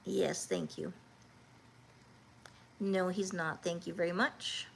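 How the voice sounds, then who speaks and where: Gravelly-voiced woman in her fifties. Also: lowish voice, steady tone, a little hiss or hum. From Canada. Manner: earnest and halting, with many restarts. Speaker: livestream host. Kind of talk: casual livestream chat, answering comments.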